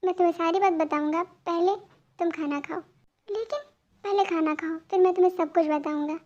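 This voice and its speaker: A woman's voice: very high-pitched, fairly even intonation, brisk, a little mellow. A woman voicing a polite, reassuring young man in an amateur fan dub. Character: young man, caring secret lover posing as chef. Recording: dull lo-fi home recording.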